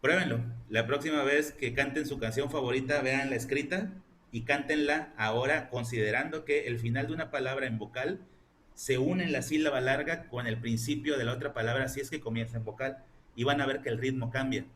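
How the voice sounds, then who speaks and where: A man gives a literature lesson, explaining patiently and asking rhetorical questions. His voice sits at a middle pitch. A faint hiss of noise runs underneath. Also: brisk, fairly bright tone. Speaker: teacher. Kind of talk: online class lecture.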